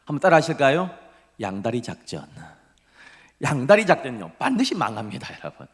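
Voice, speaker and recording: A middle-aged man from Busan with a Busan accent, preaching a dramatic sermon that swings from loud emphasis to breathy whispers. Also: medium pitch, sing-song, brisk. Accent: Gyeongsang (Busan) Korean. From Busan, South Korea. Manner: dramatic preaching, drops to breathy whispers, acts out quoted voices. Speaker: pastor. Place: church sanctuary. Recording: long reverb of a church hall.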